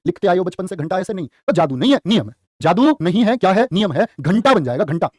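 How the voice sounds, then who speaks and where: A man teaching spelling in a lively live class, asking questions and quoting couplets. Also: sits high, fast talker, no echo, studio quality. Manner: calls students "प्यारे बच्चे". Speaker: Hindi teacher for exam prep. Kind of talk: live online exam-prep class.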